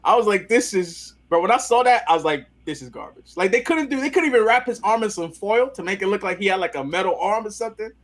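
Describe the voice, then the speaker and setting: A high-pitched man riffs through a casual podcast chat. His voice swings up and down as he jokes, full of slang and laughter. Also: quick pace, few pauses. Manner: animated, joking, uses slang. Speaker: podcast co-host.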